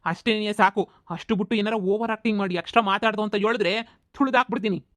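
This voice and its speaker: A man voicing a bullying, foul-mouthed middle-aged village landlord who shouts insults and threats, in a comedy cartoon. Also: high-pitched, fast, dry recording. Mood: angry, threatening.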